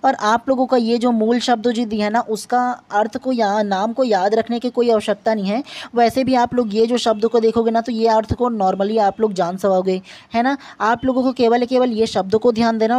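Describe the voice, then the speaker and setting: A Hindi language teacher with a Chhattisgarh accent gives an exam-prep grammar lesson in a warm, somewhat high voice, recorded dry. She explains patiently and repetitively, using tag questions to check in with the class again and again.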